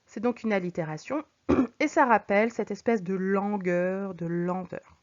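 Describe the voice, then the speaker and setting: A woman's voice: mid-range voice, darkish tone. Woman teacher on a dull lo-fi recording. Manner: explains patiently, reads examples slowly and clearly. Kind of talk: recorded French lesson.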